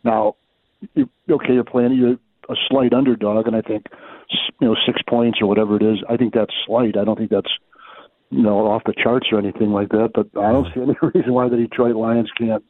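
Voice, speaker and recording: A man co-hosting a casual sports podcast, talking football in a measured way, often hedging with "I think.". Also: mid-range voice, no echo. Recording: tinny phone line.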